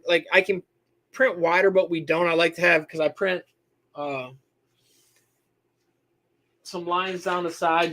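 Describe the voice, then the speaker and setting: A man from Michigan runs a live question-and-answer stream, talking loosely and correcting himself as he goes. His voice sits fairly high and sounds bright and forward. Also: a little hiss or hum. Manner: rambling, self-correcting, reads chat names aloud. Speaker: host answering viewer questions.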